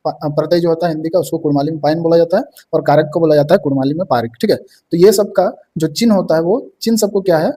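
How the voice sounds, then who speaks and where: A man's voice: fairly high pitch, fast talker, warm tone. A young man from teaching an exam-prep lesson, explaining each term and saying "ठीक है" again and again.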